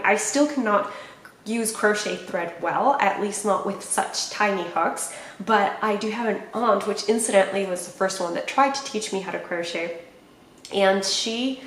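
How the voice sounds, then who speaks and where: A native Spanish speaker from Puerto Rico, a woman in her thirties, hosts a podcast and chats casually to the camera, rambling and often correcting herself. Her voice is medium-pitched, and the audio is poor and reverberant in a small indoor room with plain walls.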